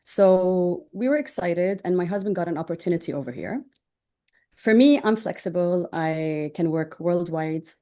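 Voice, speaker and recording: Mellow and lowish, this voice belongs to an online business owner from Jordan, a woman in her thirties appearing as an interview guest. She keeps a moderate pace and chats in a bright, casual way.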